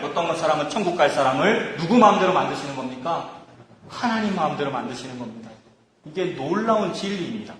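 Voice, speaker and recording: Animated preaching man in an echoey hall. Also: on the high side. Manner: lively preaching, rhetorical questions, acted-out quotes. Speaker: pastor. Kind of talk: sermon. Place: church youth retreat hall.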